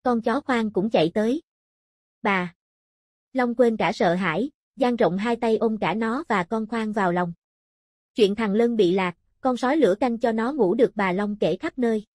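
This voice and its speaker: A woman narrating a storybook in a plain, even-paced reading. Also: fairly high pitch, moderate pace, dry recording, studio quality.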